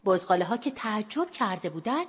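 A woman telling a children's story with lively, expressive narration. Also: mid-range voice, very noisy. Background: music.

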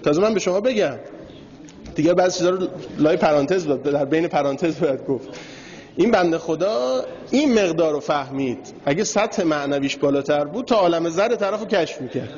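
A man's voice: fairly high pitch, expressive, a little mellow. A man giving a religious lecture, telling a story and speaking directly to his audience. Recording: dull lo-fi recording in a reverberant hall.

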